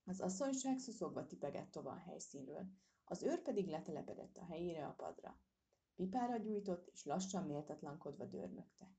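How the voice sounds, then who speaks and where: A woman narrates a children's storybook aloud with expressive delivery. Her voice is fairly low and mellow, dark in color. She reads in a steady storytelling manner. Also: creaky.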